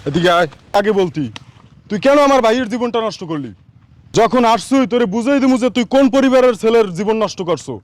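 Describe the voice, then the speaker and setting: A gruff village man , played by a man, who talks fast and bluntly, sometimes turning threatening. His voice sits high and sounds dry and close. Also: animated, no room sound.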